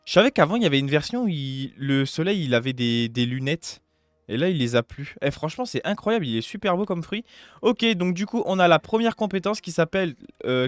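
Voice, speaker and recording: A man's voice: on the high side, no room sound. A young man giving casual, upbeat gameplay commentary, chatty and full of fillers, as a gaming youtuber at home on a close desk mic.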